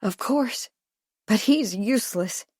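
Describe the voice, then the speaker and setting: A woman's voice: a little high, moderate pace, darkish tone, no room sound, clean studio sound, natural voice. A woman narrator voicing an anxious, determined young Victorian woman, speaking earnestly and urgently. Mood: bitter.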